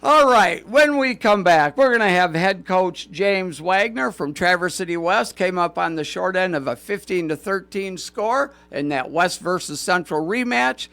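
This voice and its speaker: A man hosting a high school sports radio show in a friendly, chatty way. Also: expressive, unhurried, hardly any pauses, pushed and bright, clear, resonant tone. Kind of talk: casual sports radio chat.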